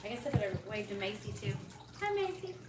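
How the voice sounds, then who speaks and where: A woman's voice: medium pitch, level tone, rapid-fire, far from the mic. A woman bantering playfully with the host, teasing him, from across a home garage. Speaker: family member joining the stream. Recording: roomy garage, off mic, noisy.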